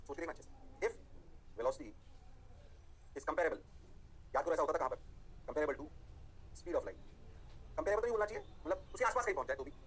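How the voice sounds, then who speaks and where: A man's voice: high-pitched, fairly bright tone, a little hiss or hum. A man teaching a physics lecture, playful and keeps checking that students have understood. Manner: rapid, playful, keeps asking if it is clear. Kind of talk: classroom lecture.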